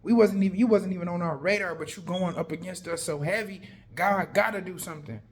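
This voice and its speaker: A man's voice: high-pitched, fairly quick. Slangy man retelling a Bible story. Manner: slangy, animated, conversational.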